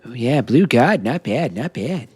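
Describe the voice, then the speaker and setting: A man's voice: measured pace, breathy edge, no room sound. A man streaming a survival game, chatting in character and to his viewers, laughing often as he talks. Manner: chatty, laughs often, lively swings in pitch. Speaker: streamer playing a role-play character. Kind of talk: live gameplay role-play chat.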